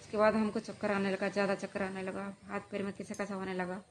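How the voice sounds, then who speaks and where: A woman vlogger shares a personal story haltingly, her speech full of hesitant pauses and fillers. Her medium-pitched voice stays monotone, with slight noise in the background.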